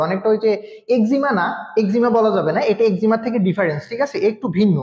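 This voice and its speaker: A man teaches a live online class in a high voice, talking quickly. He walks through each point step by step and keeps putting questions to his students. The sound is muffled and echoes with a long reverb. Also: darkish tone. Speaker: nursing exam tutor.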